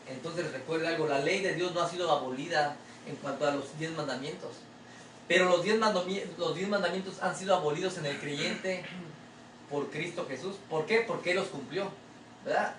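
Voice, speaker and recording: Man preaching in an echoey church. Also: on the high side. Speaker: pastor. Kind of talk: sermon. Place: church sanctuary. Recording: echoey room, distant mic, faint ambient noise.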